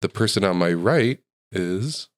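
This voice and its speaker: A man's voice: low-pitched, animated, a little slow. A man hosting a tabletop role-play podcast, reading an intro dramatically while sounding sick. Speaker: host and player.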